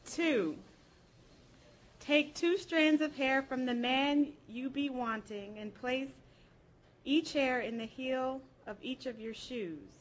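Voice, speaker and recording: At a library program, a woman with a fairly high voice reads folksy prose aloud to a live audience, telling it in a playful, colloquial way. The audio quality is poor.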